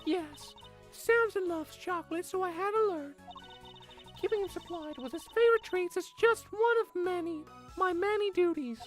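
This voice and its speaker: Demure devoted young woman, put on by a woman: old-time Hollywood accent, genteel, pitched high. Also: moderate pace, soft background music.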